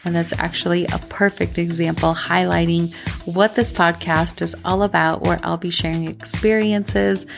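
A Colombian-born woman in her thirties hosts a podcast, telling personal stories in a warm, reflective monologue full of chatty fillers. Her fairly low, gravelly voice holds a steady tone at a normal speed, with music playing in the background.

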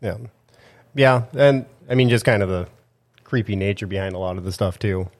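A man's voice: lowish voice, normal speed. A man co-hosting a casual movie chat in a studio, rambling with lots of fillers. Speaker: podcast co-host.

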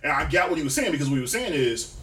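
Animated man chatting, roomy and distant. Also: fairly high pitch. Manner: animated, profane, quick asides. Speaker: podcast co-host. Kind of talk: casual chat. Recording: roomy, distant from the mic, faint hiss.

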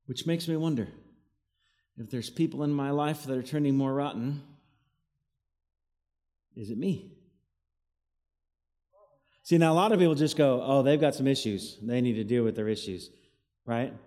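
With a mellow, medium-pitched voice at normal speed and long pauses, a man preaches the evening sermon as associate pastor. He gets the congregation to repeat after him in call-and-response, and the church hall's reverb sounds cave-like.

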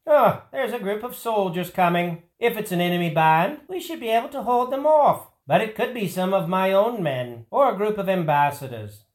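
A man voicing a wounded king who fires off worried orders, his pitch swinging up and down. He is a commanding ruler in an audio drama. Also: animated, normal speed, hardly any pauses. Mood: uneasy.

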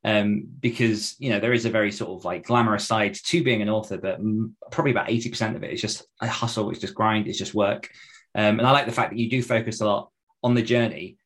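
A man hosting a casual podcast interview, with hiss on his microphone from a loud computer. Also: on the low side, steady tone, quick pace.

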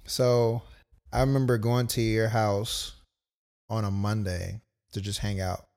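Laid-back young man with a gravelly low voice. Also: level tone, unhurried, darkish tone. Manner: laid-back, storytelling with many "like"s and quoted asides. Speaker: podcast co-host. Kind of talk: casual storytelling.

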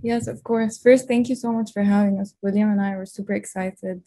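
A young woman from Lebanon chats as a podcast guest, sprinkling her speech with fillers. Her voice is mellow and fairly flat in pitch, recorded dry and close. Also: brisk, no room sound. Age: 20s. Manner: chatty, many fillers like "like" and "um". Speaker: medical student guest. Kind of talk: podcast interview.

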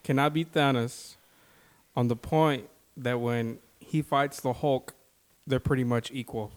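A man's voice: medium pitch, steady tone, a little slow. A man in casual group chat, explaining his views earnestly and at length.

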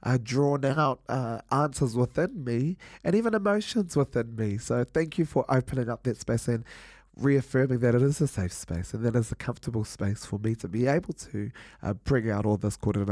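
A man from Northland with a New Zealand Māori accent, a podcast guest speaking earnestly and haltingly with many fillers. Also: medium pitch, animated, darkish tone, no room sound, clean studio sound. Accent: New Zealand Māori English. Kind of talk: reflective interview talk.

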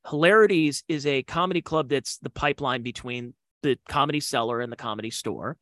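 A man's voice: mid-range voice, fairly quick, a bit bright, no room sound. A man hosting a podcast, telling comedy club stories in a rambling, digressive way with slangy asides. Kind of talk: casual storytelling.

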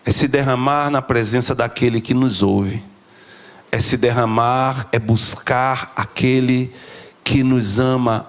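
A man preaching a sermon, moving from soft, slow lows to high, emphatic climbs. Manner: emotional, rising to high emphatic peaks then dropping low and slow.

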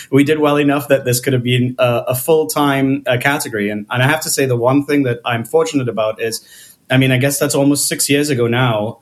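Chatty man from the Caribbean. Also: medium pitch. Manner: chatty, many fillers and restarts. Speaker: co-founder guest. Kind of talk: casual interview storytelling.

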